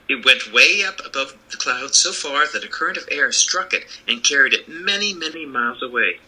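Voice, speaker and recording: Storybook wizard, male reader acting: elderly kindly fraud, earnest and apologetic, sharp bright tone, lively intonation. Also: medium pitch, husky, heavily acted, poor audio. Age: older. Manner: earnest, explanatory. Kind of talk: storybook reading.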